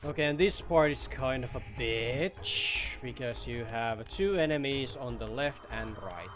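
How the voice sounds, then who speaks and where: A man's voice: mid-range voice, animated, unhurried, over music. A man streaming a video game with casual, informal live commentary, exclamatory and prone to swearing.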